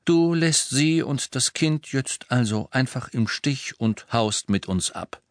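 A man's voice: mid-range voice, animated, slow pace, no room sound, studio quality, pitched above the performer's own voice. Harry, a man reading a blunt teenage wizard. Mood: firm.

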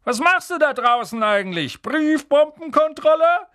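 A man voicing a gruff, bullying middle-aged uncle who snaps and shouts in a story reading. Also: high voice, wildly swooping pitch, measured pace, dry recording, clean studio sound, pitched above the performer's own voice, full character voice. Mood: angry, mocking. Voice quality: shouting, snapping.

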